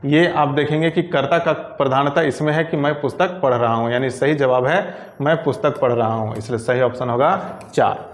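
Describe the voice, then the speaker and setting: A man's voice: medium pitch, moderate pace, echoey room. A man tutoring Hindi grammar, working through exam questions one by one and reading each correct option aloud. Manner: methodical, repeats answer options aloud.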